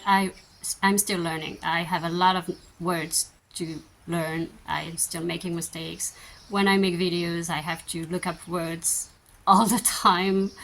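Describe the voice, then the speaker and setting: A woman in her thirties with a French accent, French native, chatting gently and thoughtfully as she answers viewer questions in a slow-living vlog. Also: lowish voice. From France. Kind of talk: casual Q&A chat.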